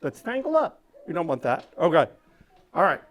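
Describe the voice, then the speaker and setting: This stage magician has a low-ish, very animated woman's voice and a moderate pace. Performing live for children, she lays out instructions step by step and urges the audience along with plenty of check-in questions.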